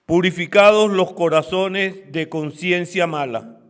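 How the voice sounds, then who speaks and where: Deacon reading scripture slow and steady, kinda high voice. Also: male voice.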